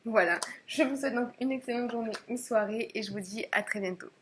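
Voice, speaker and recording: Woman, tarot reader, chatty and halting, slightly high voice, faint background hiss. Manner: chatty, hesitant, many fillers and restarts. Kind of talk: casual monthly tarot reading to camera.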